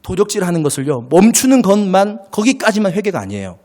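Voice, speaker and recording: A man's voice: high-pitched, sing-song, fast, darkish tone. A man preaching a sermon as pastor, acting out little dialogues and laughing along with the congregation. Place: church sanctuary. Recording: long church reverb.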